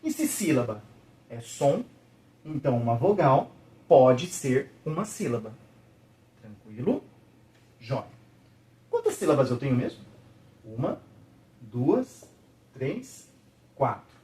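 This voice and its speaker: A man teaching a video lesson, patiently checking in with the viewer and slowly sounding out each syllable. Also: mid-range voice, big pitch swings, darkish tone.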